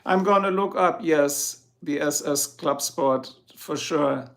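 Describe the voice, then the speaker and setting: Chatting with viewers on his livestream, a middle-aged German-accented host responds to each comment in turn and chuckles a lot. He speaks slowly in a fairly high voice with vocal fry, in a chatty, casual way.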